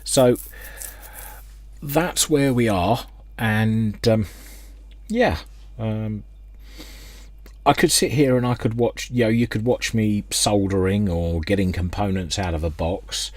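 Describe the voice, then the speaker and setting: A British radio restoration enthusiast, lowish and a little mellow in voice, talks slowly and pauses often as he explains his bench work informally. There's no room sound; the indoor workbench recording is close and dry, and his delivery is unscripted and tentative.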